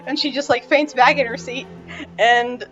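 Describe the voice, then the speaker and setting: A woman's voice: high-pitched, fairly even intonation, moderate pace, a bit bright. A woman narrating a tabletop game as game master, rambling with many restarts and fillers. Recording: dull lo-fi with faint music.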